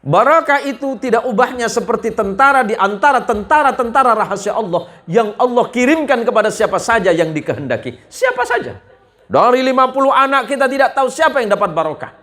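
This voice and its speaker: A man's voice: extremely high pitch, sing-song, brisk, a bit bright. A man from Indonesia, preaching a humorous sermon to a village gathering, telling jokes and acting out the voices in his stories. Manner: joking storyteller, acts out dialogue voices.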